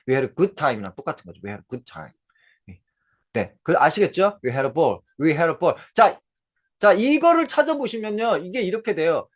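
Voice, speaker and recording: A man teaching English phrases in a casual spoken lecture, often checking that listeners follow, with a Korean accent. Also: fairly high pitch. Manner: animated, repeats checks with listeners.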